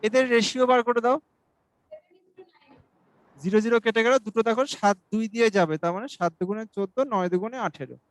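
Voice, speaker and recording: A male mathematics teacher giving an exam-prep lesson, explaining each step slowly and reading questions aloud. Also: high-pitched, no echo, rough recording. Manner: asks students for doubts.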